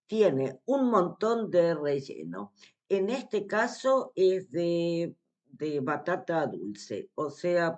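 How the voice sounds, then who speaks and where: A woman's voice: lowish voice, a little mellow, highs cut off. An Argentine woman with an Argentine Spanish accent, chatting casually to camera as a vlogger, explaining things step by step with lots of fillers. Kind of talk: casual vlog chat.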